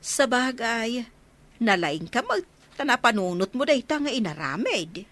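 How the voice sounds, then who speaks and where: Radio drama confidante female actor, frank and sympathetic, fairly high, very bright voice. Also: very animated, a little slow, exaggerated voice.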